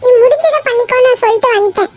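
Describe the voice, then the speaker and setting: A woman's voice: very high-pitched, rapid-fire, slight background noise. A woman voicing a caring young woman in a cartoon who comforts and reassures her crying friend. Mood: comforting. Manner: soothing, reassuring. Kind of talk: cartoon voice acting.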